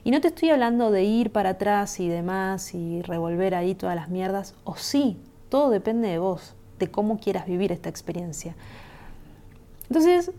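A woman's voice: mid-range voice, animated, normal speed, warm tone. A woman with a Rioplatense Spanish accent hosting a podcast, talking through a reflective self-help monologue in a conversational way and often checking that the listener follows. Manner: conversational, asks "¿se entiende?" often. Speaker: podcast host.

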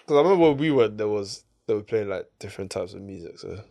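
A man's voice: lowish voice, expressive, fast, dark tone. A man with an urban London roadman accent, chatting casually and slangily as a podcast co-host. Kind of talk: casual banter.

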